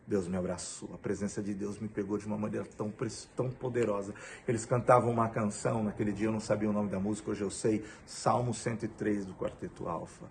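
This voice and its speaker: A man's voice: medium pitch, gravelly, a little hiss or hum. A middle-aged pastor from Brazil giving an emotional personal testimony, acting out the dialogue as he tells it.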